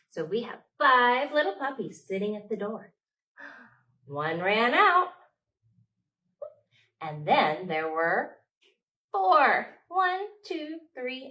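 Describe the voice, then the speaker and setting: Here a woman with a medium-pitched, fairly bright voice leads a storytime for little kids. She reads with lots of expression and dramatic pauses, in the manner of a children's librarian.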